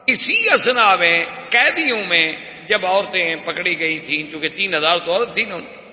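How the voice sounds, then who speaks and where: High, bright-voiced animated preacher. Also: male voice. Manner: animated, acting out characters. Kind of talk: sermon storytelling. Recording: echoey hall, dull lo-fi sound.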